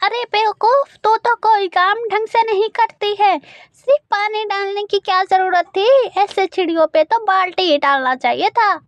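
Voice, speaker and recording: A bossy, sharp-tongued old crow mother-in-law from a cartoon, voiced by a woman. Her voice sits very high, and she snaps and scolds in a dry, close recording. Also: steady tone, unhurried, dry recording. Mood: scolding. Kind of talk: cartoon voice acting.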